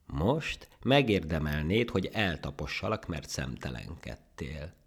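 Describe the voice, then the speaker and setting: A man's voice: mid-range voice, big pitch swings, creaky, pitched above the performer's own voice. A man voicing an arrogant, mocking male monkey in a storybook tale. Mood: threatening. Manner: scornful, loud, laughing. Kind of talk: storybook character voice.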